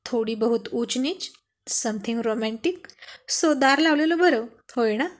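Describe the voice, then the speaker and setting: A woman voicing a confident, teasing young husband who stays firm and coaxes his wife, read slowly. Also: a little high.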